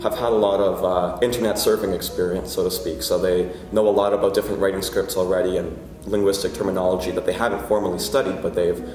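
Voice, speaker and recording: A man's voice: low voice, little pitch movement, fast talker, hardly any pauses, a little mellow. A man giving a reflective interview answer. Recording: distant echoey sound with music.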